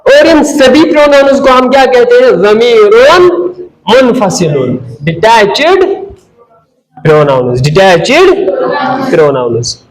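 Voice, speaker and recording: Slow, high-voiced man teaching Arabic. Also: very animated, reverberant, a little hiss or hum, low-quality recording. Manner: asks and answers his own questions, repeats key terms; mixes Hindi-Urdu with English terms. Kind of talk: classroom grammar lesson.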